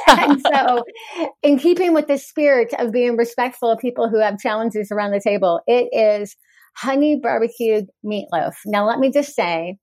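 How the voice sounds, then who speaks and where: A woman's voice: on the high side, normal speed, darkish tone, no echo. Frank, wry woman guest, dry mic. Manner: frank, wry humor, laughs easily. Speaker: guest author. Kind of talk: candid podcast interview.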